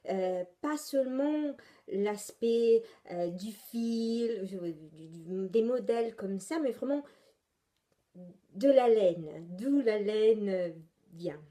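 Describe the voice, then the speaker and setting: This young woman from Italy has a dark, mid-range voice that stays animated even as she takes her time. On her knitting podcast she chats in a rambling way, stumbling and correcting herself often, with an Italian accent.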